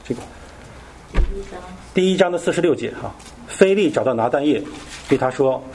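A man's voice: on the high side, lively intonation, normal speed, a little mellow, slight background noise. A man teaching a Bible study in a casual, conversational way, often asking his listeners questions.

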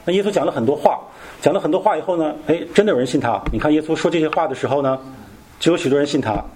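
A man's voice: a little high, racing, darkish tone, a little hiss or hum. A man teaching a Bible study in a casual, conversational way, often asking his listeners questions.

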